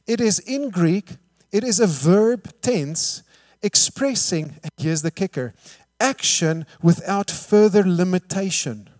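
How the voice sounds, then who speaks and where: This Afrikaans-speaking preacher has a high, expressive voice and talks slowly in a dry recording. His sermon is emphatic, full of rhetorical questions, moving from near-whispers to loud declarations.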